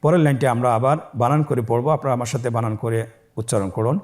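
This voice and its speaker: A man teaching Quran reading, spelling out letters and vowel marks slowly and asking listeners to repeat after him. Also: medium pitch, steady tone, darkish tone. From Bangladesh.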